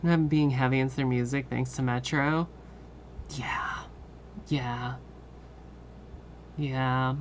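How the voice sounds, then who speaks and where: Woman streamer, low voice, drowsy casual chat, faint background hum. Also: takes it slowly, long pauses. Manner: relaxed, drowsy, swears casually, trails off. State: tired. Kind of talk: casual chat with live viewers.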